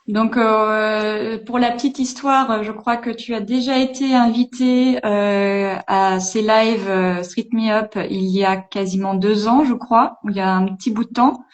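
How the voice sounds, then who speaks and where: A woman hosting a casual live interview over a video call, chatty and relaxed, with fillers. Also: medium pitch, measured pace, hardly any pauses. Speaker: host.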